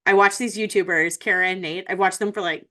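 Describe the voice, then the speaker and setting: A woman's voice: lowish voice, steady tone, fast, sharp tone. A woman co-hosting a podcast in casual chat, rambling and laughing often. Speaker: podcast co-host.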